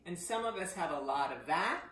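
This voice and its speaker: A middle-aged woman teaching voice exercises. She breaks into loud vocal sounds to show each exercise. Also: fairly low pitch, expressive, fairly quick. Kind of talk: voice exercise lesson. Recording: echoey room.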